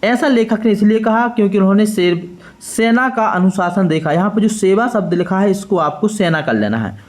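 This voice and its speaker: High-voiced man teaching a Hindi lesson. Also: animated. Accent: Madhya Pradesh Hindi. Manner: slow, clear dictation of words one by one. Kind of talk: worksheet lesson for school pupils.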